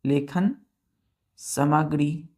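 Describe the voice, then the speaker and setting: A woman's voice: deep voice, extremely slow, dark tone. A woman with an Indian accent teaching vocabulary in a patient classroom manner, spelling words letter by letter and checking that the students follow.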